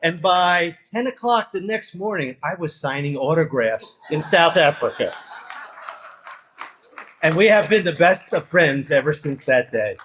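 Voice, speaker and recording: A man's voice: a little high, expressive, a little slow, fairly bright tone, slight background noise. An older man giving an anecdotal acceptance speech as an award inductee. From New Jersey, United States.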